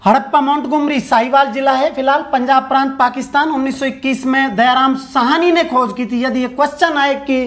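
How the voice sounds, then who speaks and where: A man's voice: extremely high pitch, fairly even intonation, fairly quick, few pauses, a bit bright. A male teacher giving an online exam-prep lecture. He poses questions, answers them himself and repeats key points for his viewers. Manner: addresses viewers directly, asking for answers in the comments.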